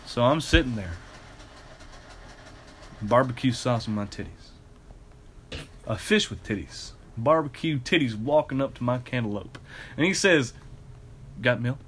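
A man reading a ridiculous fan fiction story aloud in a casual, deadpan way, now and then breaking into laughter. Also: medium pitch, measured pace, pauses often, a little hiss or hum.

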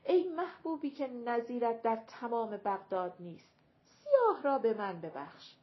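A woman's voice: on the high side, big pitch swings, muffled recording. A woman voicing a lovesick young male lover in an audiobook, imploring and theatrical. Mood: pleading.

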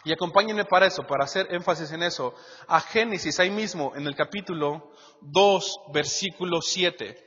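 A man with a Mexican Spanish accent preaching a lively, conversational sermon as pastor, asking the congregation rhetorical questions. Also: high-pitched, normal speed, breathy edge. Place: church hall. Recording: muffled church hall recording with long reverb.

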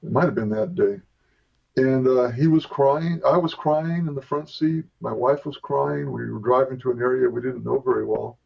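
A man in his sixties from Southern California, retelling a family story in a steady, plain way as an interview guest. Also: medium pitch, normal speed, gravelly, breathy edge, lo-fi sound. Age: 60s. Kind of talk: storytelling in a conversation.

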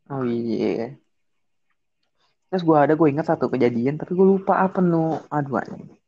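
A man's voice: a little high, moderate pace, dark tone. A young man in casual chat. He teases his friend, swears often and laughs. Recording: dull lo-fi sound.

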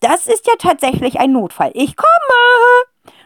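A woman voicing an eccentric, theatrical old aunt with a gushing, drawn-out manner in a children's audiobook. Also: very high-pitched, sing-song, dry recording, studio quality, pitched above the performer's own voice, full character voice. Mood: dramatic.

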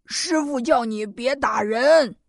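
A woman's voice: on the high side, slow pace, vocal fry, no room sound, clean studio sound, full character voice. Woman playing Zhu Bajie, bumbling pig-monk. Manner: rustic folksy talk, calls himself 俺老猪. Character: clumsy greedy pig-monk, male, simple-minded. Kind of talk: children's storybook audio.

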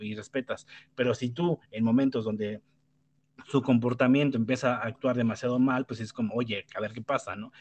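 A man with a Mexican accent giving opinions in a casual debate, rambling and blunt, swearing freely and tagging his points with questions. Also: medium pitch. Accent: Mexican Spanish. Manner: rambling, many restarts and tag questions. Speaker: panelist.

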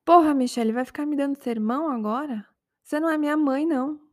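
A woman's voice: high-pitched, quick pace, no echo, clean studio sound, pitched above the performer's own voice, lightly acted. A woman voicing a hot-tempered jealous young boyfriend. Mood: defensive, angry. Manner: defensive, quarrelsome.

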